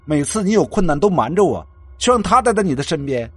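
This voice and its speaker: A man voicing a jealous, obsessive young man in a spoken ghost story, shouting in a raised voice. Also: big pitch swings, a little fast, slightly rough, dry recording, soft background music. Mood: furious. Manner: shouting, raised pitch, laughing madly.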